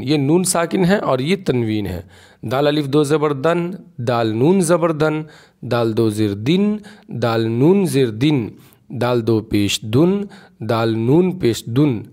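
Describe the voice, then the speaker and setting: Male teacher, middle pitch, drawls each syllable aloud, then hurries through the rules. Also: a little mellow. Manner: slow drawn-out spelling, then quick explanations. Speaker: Quran reading teacher. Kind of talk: spelling-out recitation lesson.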